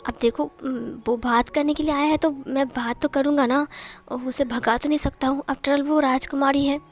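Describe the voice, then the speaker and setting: A woman voicing a gentle, apologetic young male servant who pleads softly in a storybook retelling. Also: high voice, fairly even intonation, normal speed, close to an everyday voice. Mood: pleading.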